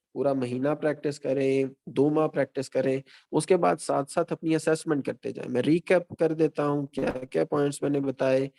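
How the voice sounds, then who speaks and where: A man lecturing to students in an online session, walking through his points in a measured, explanatory way. His voice is gravelly with a dark, mellow tone, and he sits at an ordinary pitch for a man. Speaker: guest lecturer.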